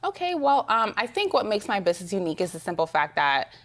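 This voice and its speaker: A woman's voice: mid-range voice, big pitch swings, fast talker. A woman talking conversationally as an expert interview guest, explaining practical advice.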